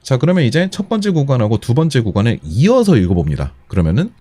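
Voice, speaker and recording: A man teaching a beatbox lesson step by step, patient and methodical, repeating each instruction slowly. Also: mid-range voice, wildly swooping pitch, mellow, husky, no echo, faint music behind. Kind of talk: step-by-step tutorial explanation.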